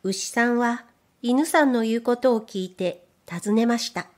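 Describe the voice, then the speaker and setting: A woman reader and voice trainer who narrates children's stories in a gentle, careful way. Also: on the high side, measured pace. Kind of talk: storybook narration.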